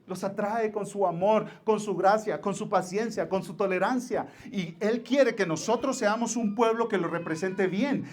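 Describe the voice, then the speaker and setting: A male pastor with a Mexican Spanish accent preaching a sermon in a church, pleading with his listeners and swinging from hushed to forceful. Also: sits high.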